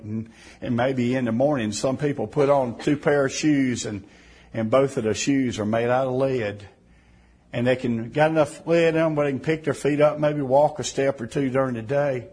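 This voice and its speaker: A male preacher delivers a heartfelt, fervent sermon in a husky, slightly breathy voice of ordinary pitch, steady in tone and normal in speed. He rises to emphatic, raised phrases, then drops low and quiet to press a point home.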